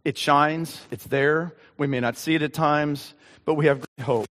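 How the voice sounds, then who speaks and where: An older man, a pastor, gives an earnest, conversational sermon in a church sanctuary, reading scripture with emphasis. His voice is a little high and a bit bright, with a steady tone and an unhurried pace, and the room lends a long church-hall reverb.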